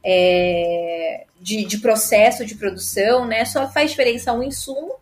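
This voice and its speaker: A woman's voice: mid-range voice, a little slow, slight background noise. A woman sommelier with a Brazilian Portuguese accent, explaining at length in casual chat with many filler tags and restarts. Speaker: sommelier guest.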